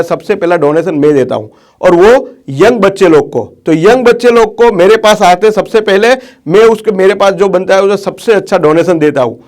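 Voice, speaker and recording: A man's voice: sits high, darkish tone. A man working as a financial life planner, telling viewers a story in a chatty style, dropping English phrases into his talk. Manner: conversational, mixes English phrases into Hindi.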